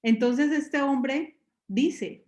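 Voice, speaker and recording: Female preacher, higher voice, chatty sermon full of questions to the congregation, roomy echo. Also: very slow, a little mellow. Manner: asks the listeners rhetorical questions, everyday examples. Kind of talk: conversational sermon.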